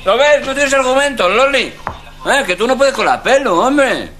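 A man's voice: very high-pitched, sing-song, normal speed, background noise. A middle-aged actor playing a lazy, teasing husband who mocks his wife in a sitcom. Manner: teasing, smug, mocking. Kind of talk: sitcom acting.

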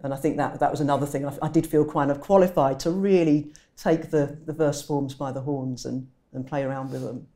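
A woman's voice: deep voice, fairly even intonation, fairly quick, hardly any pauses, dark tone. A woman with an English accent, a poet talking thoughtfully in an interview and often correcting herself as she goes. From England. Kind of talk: conversational interview.

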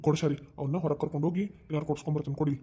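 An actor voicing a gentle, indulgent grandfather in a cartoon, with a North Karnataka Kannada accent, soothing and calming. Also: fairly high pitch, racing, husky. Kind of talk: cartoon voice acting.

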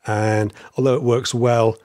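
A man in casual podcast chat as a host, with a slightly wheezy, croaky voice and a rambling, stop-start delivery. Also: medium pitch, level tone, measured pace, darkish tone, dry recording, clean studio sound.

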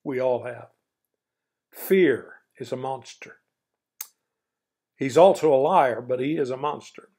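A man's voice: mid-range voice, slow, pauses often, a little mellow, husky. An older man giving a folksy morning devotional, exhorting listeners like an old coach with stern emphasis. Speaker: devotional preacher.

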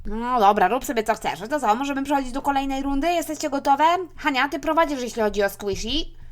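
A woman's voice: high voice, quick pace, close to an everyday voice. A woman voicing a bossy young boy who runs a food game for his sisters, grumbling at his mother in a toy figure play. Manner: grumbling, bossy, easily annoyed.

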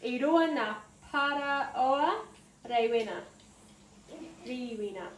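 This New Zealand preschool teacher has a high voice and hosts a hands-on story session for small children indoors. She draws words out in an upbeat, sing-song, encouraging way. The recording is distant and roomy, with noise behind her.

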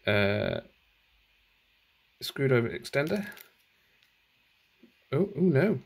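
Filming one-handed on his phone indoors at home, a male channel host narrates an unboxing off the cuff, correcting himself as he thinks aloud. He speaks extremely slowly yet very animatedly, in a mid-range voice with vocal fry, over background noise.

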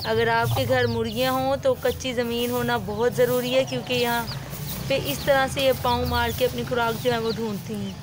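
In this casual cooking demonstration, a young vlogger explains a home recipe step by step, frequently adding religious blessings. Her voice is on the high side with fairly even intonation at a normal speed, recorded on a phone outdoors at home with background noise.

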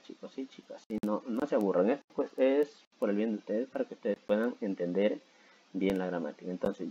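Low, mellow-voiced man teaching grammar. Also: dull audio, slight background noise. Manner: patient, repeats himself with many "¿sí?" and "¿no?" check-ins. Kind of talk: explaining grammar to school students.

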